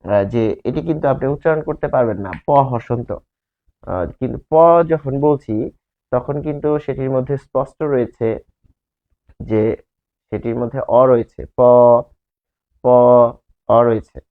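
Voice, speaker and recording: A male teacher giving a grammar lesson, repeating key terms slowly and asking and answering his own questions. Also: medium pitch. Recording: tinny, phone-like sound.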